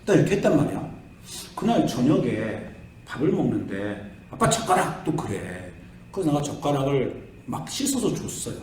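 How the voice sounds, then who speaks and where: A man's voice: medium pitch, normal speed, slight background noise. A middle-aged man preaching a sermon, telling a family story and acting out the voices of his son and himself. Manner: animated, acts out his son's and his own lines. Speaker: pastor. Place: church sanctuary. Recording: echoey church hall from far off.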